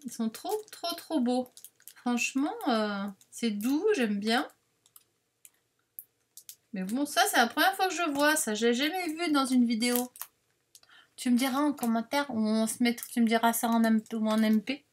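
High-voiced, chatty woman. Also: normal speed. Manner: chatty, rambling, excitable, apologetic. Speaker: craft vlogger unboxing a parcel. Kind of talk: casual unboxing chat to viewers.

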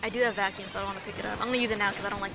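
This young woman's VTuber stream has her talking rapid-fire in a medium-pitched, steady, creaky voice. She eats, swears freely and chats casually with her audience while gaming, game music audible behind her streamer mic.

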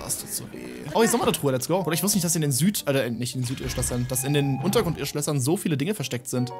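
Young guy streaming a game, talks fast n kinda high, cussing a lot, bit of music under it. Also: lively intonation. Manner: swearing, frustrated, talks to chat. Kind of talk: gaming commentary.

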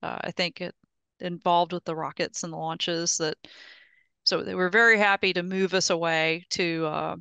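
A woman's voice: on the low side, fairly even intonation, moderate pace, vocal fry, pushed and bright, smooth, no echo. A middle-aged woman on a video call through a headset mic, giving a casual technical update and explaining step by step with frequent restarts. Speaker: project presenter at an engineering meetup. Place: home office on a video call.

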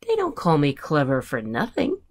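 A woman's voice: deep voice, wildly swooping pitch, normal speed, exaggerated voice. A woman voicing a sly, hungry female coyote in a read-aloud picture book, with a scoffing, boastful manner. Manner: teasing, boastful.

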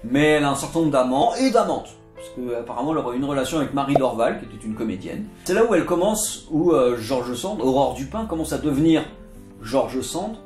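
A man's voice: mid-range voice, sing-song, fairly quick, darkish tone. A man giving a casual, chatty history lesson, full of jokey asides and digressions. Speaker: literature video host. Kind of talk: casual storytelling lecture. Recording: echoey room with faint guitar music.

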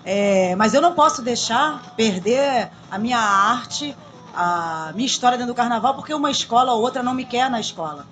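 A woman, talking in a lively, chatty way as a guest in a small radio studio. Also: fairly high pitch, normal speed. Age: 40s. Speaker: samba school drum queen guest. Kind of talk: casual radio interview. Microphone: studio boom mic.

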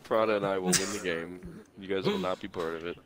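A man in casual gaming banter, blunt and quick to swear. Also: sits low. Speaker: gamer on a group stream. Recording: game voice chat with faint noise.

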